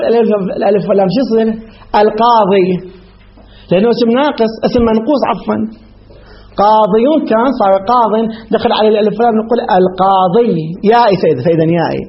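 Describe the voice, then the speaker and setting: High-voiced man teaching grammar, lo-fi. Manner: repeats and restates terms, asks rhetorical questions then answers; self-corrects mid-sentence. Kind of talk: classroom lesson explaining grammar rules. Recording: dull lo-fi recording with faint noise.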